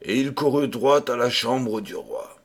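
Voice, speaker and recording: A man reading a fairy tale aloud as an audiobook narrator in a measured storytelling manner. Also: mid-range voice. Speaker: audiobook reader. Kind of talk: scripted narration.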